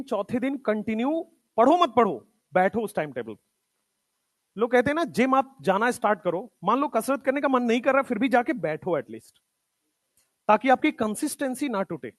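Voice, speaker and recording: A man with a high voice gives a motivational talk to his students in a classroom. He mixes Hindi and English and repeats his points to drive them home. The sound is close and dry, with little room echo. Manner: hinglish, repeats points for emphasis. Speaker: coaching teacher.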